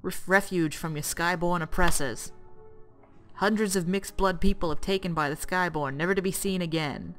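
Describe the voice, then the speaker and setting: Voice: medium pitch, normal speed, a bit bright, faint music behind, lightly acted. A gamer reading a rebel recruiter's lines aloud in a put-on New York accent, stumbling over some words. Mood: rallying. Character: earnest rebel recruiter addressing half-breeds. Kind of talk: reading game dialogue aloud.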